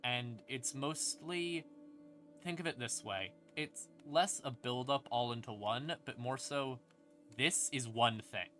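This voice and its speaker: Over creepy ambient background music, a male streamer explains game lore in a casual, rambling way that is wry and emphatic, with some swearing. His medium-pitched voice is bright and forceful, and he speaks slowly.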